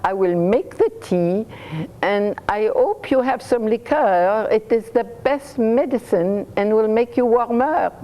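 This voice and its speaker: A woman's voice: low voice, takes it slowly, dull audio. A woman voicing a sly, charming Frenchman.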